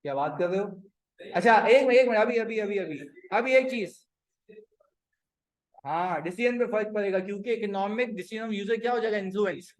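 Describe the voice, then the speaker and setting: A man teaching an accounting class with a high voice. He is animated, acts out client conversations and keeps quizzing the room. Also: brisk, long pauses. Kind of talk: classroom lecture.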